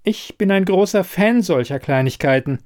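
A man's voice: sits high, animated, normal speed, a little mellow, pitched above the performer's own voice. A man reading an audiobook and voicing a flustered woman scientist who stammers and hesitates. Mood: insistent. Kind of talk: audiobook character voice.

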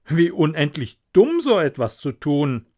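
Man doing an older miller, storybook, pompous, preachy, low voice, drawn out. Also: big pitch swings, a little slow, a little mellow. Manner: pompous, moralizing.

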